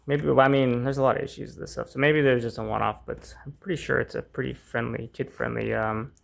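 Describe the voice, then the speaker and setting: A man with a gravelly, mid-pitched voice chats casually through a pile of comics for his channel. He rambles, restarts and fills pauses with ums. He sounds a bit strained and worn out from the heat. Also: steady tone. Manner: rambling, many fillers and restarts. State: hot and tiring, voice strained. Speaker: comic book channel host. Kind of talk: casual unboxing chat.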